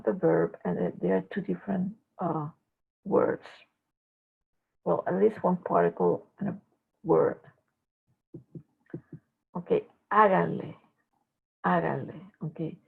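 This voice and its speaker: A woman teaching a language class in a recorded lecture, explaining slowly with frequent filler pauses. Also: fairly low pitch, expressive, vocal fry, breathy edge. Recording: tinny phone-like lo-fi audio.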